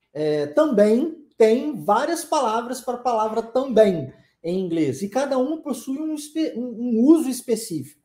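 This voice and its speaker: A man's voice: high-pitched, dark tone, reverberant. A man teaching an English class online, explaining emphatically and checking in with the listener after almost every point. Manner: emphatic, tags sentences with tá and né.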